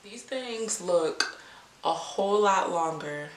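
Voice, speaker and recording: Low, unhurried young woman recovering from illness. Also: expressive. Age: young adult. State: recovering from illness, clearing throat. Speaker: vlogger. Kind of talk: casual chat to viewers while doing her hair. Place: small indoor room. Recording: roomy echo, audible background hiss.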